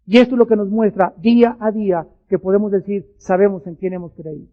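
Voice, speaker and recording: A woman's voice: mid-range voice, fairly even intonation, a little fast. Emphatic woman preaching, lo-fi recording. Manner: emphatic, repeats words for stress. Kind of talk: sermon. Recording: dull lo-fi archive recording.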